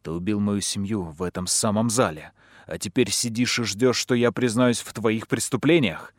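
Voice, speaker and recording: A proud young captive in an audiobook, read by a man in close to his own voice, speaking in a defiant, bitter tone. The voice is low and pressed. The recording is dry, with no room sound. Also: moderate pace, no room sound, lightly acted. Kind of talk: audiobook character reading.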